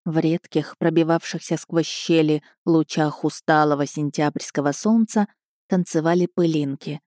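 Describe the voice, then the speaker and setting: A woman narrates an audiobook in measured, even storytelling. Her voice sits low with a mellow, warm tone, recorded dry and close. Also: no echo.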